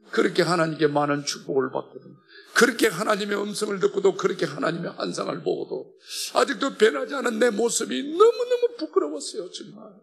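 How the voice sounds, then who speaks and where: Gravelly Gyeongsang man giving church testimony. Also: high voice. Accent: Gyeongsang Korean. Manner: impassioned, swinging from loud to hushed. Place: church worship hall.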